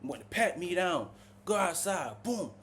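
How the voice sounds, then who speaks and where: Man, storytime vlog, animated and slangy, slightly high voice, faint noise behind. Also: a little slow. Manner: animated, slangy, keeps saying "bro" and "boom". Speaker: vlogger telling a prison story. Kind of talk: casual storytelling.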